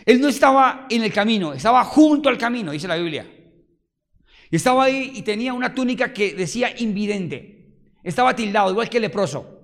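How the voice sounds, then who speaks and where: A man preaching a sermon, talking straight to the congregation with rhetorical questions and swinging between loud exclamations and low murmurs. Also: lively intonation, a little fast.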